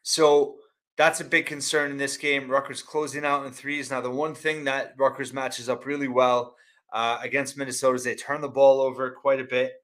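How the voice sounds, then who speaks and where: Guy previewing a game solo, sharp bright voice, reels off stats, kinda halting. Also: mid-range voice, flat delivery. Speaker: sports podcast host.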